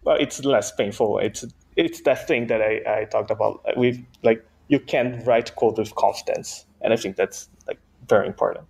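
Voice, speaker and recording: A native Portuguese speaker from Brazil, this man is a guest engineer answering interview questions conversationally. His phrasing halts and he repeats words, and his voice is fairly low, gravelly, and darkish in tone.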